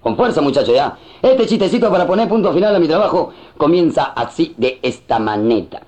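A man's voice: a little high, big pitch swings, brisk. A man with a Peruvian Spanish accent doing a slangy stand-up routine, slipping into mocking voices. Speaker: stand-up comedian. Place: live show with laughing audience and band. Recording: dull lo-fi live recording with loud crowd.

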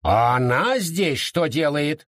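A man's voice: a little high, expressive, slow pace, no echo, clean studio sound. A man voicing a pompous, whiny old colonial judge who barks orders at everyone. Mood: indignant. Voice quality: whiny, imperious shouting.

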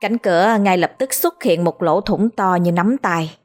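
A woman telling a scripted horror story in a steady, measured way. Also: fairly low pitch, faint music behind.

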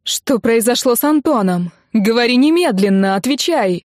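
A woman voicing a stern mother who is frightened and demands answers in a sharp, commanding voice. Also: fairly high pitch, big pitch swings, a little slow, no echo, studio quality, pitched above the performer's own voice. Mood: desperate.

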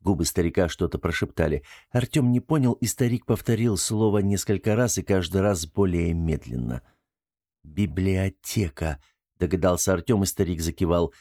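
A man reading a fantasy audiobook as narrator in an even, measured way. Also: on the low side, no echo, studio quality. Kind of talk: scripted narration.

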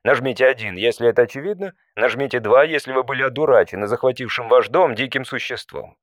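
An automated support-line menu voice acted out by a man for a comic audio story. It speaks in measured, scripted prompts at a middling male pitch, courteous and deadpan with faint exasperation. The sound is dry, with no room around it. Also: dry recording, close to an everyday voice. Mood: deadpan, exasperated.

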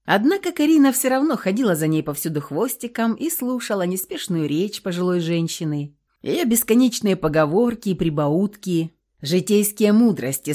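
Expressive woman reading an audiobook. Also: mid-range voice. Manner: expressive, dramatic storytelling. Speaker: audiobook narrator. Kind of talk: scripted audiobook narration.

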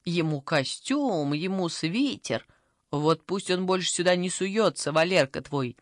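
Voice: medium pitch, expressive, a little slow, dry recording, lightly acted. Narrator plays a crude drunken old mother, sneering and long-winded, close dry read. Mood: ranting. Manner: rough, scornful ranting. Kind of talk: audiobook character voice.

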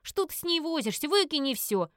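A woman's voice: sits high, sing-song, fairly quick, fairly bright tone, no echo, clean studio sound, pitched above the performer's own voice. A woman voicing a rude, irritable teenage son in an audiobook, grumbling and snapping at everyone.

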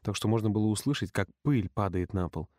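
A man narrating an audiobook in a lively, characterful way, close to the mic. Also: fairly low pitch, brisk, no echo.

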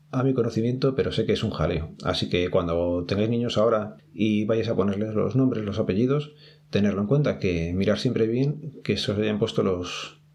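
A man's voice: lowish voice, a little mellow. A man with a Spain Spanish accent hosting a podcast, giving chatty, practical advice to his listeners in a casual monologue. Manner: chatty, advising listeners directly. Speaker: podcast host working at an ID card office.

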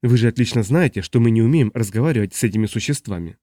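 A man's voice: mid-range voice, fast talker, mellow, dry recording, clean studio sound, close to an everyday voice. A man voicing a weary, stern human translator living among aliens.

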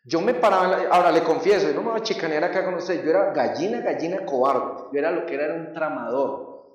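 A man from teaching a church seminar lesson, emphatic and animated, acting out examples as he preaches. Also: fairly high pitch, quick pace. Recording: echoey hall, voice far from the mic.

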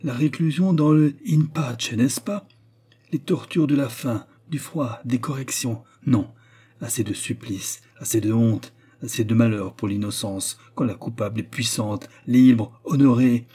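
A man's voice: mid-range voice, moderate pace, mellow, slightly rough, pitched above the performer's own voice, lightly acted. A man reading aloud as a proud scheming countess who speaks with vehemence and irony in a storybook reading. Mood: furious. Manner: vehement, ironic.

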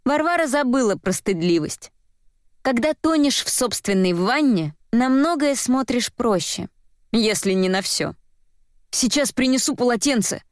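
A woman narrating a story in a wry, even storytelling manner. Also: a little high, measured pace, no room sound, studio quality. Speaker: audiobook narrator. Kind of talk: scripted narration.

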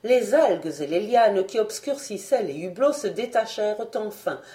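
Female audiobook narrator, lively and melodic, measured expressive delivery of classic adventure prose. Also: mid-range voice. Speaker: audiobook reader. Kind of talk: scripted narration.

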